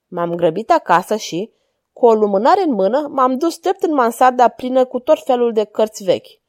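Warm-voiced woman reading a story. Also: a little high, no echo, studio quality. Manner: calm, even reading. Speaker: narrator. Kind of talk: storybook narration.

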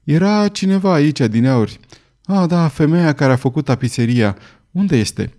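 A man's voice: on the high side, animated, mellow, voice pushed up, lightly acted. A man voicing a fearful, feverish young king who pleads with his beloved, in an audiobook reading. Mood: anxious. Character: anxious young male king, fearful and frail.

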